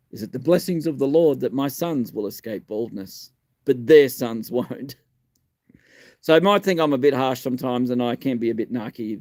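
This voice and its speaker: A man's voice: medium pitch, darkish tone, no echo. An Australian man in his fifties with a missing front tooth, speaking live in blunt, emphatic, sweary short phrases. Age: 50s. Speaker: live-stream host and community advocate. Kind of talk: live political talk, answering viewer questions.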